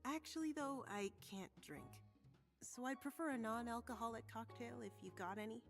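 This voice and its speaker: A woman's voice: a little high, normal speed, soft background music, close to an everyday voice. A woman voicing a polite young marshal. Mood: earnest. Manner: polite, a little hesitant.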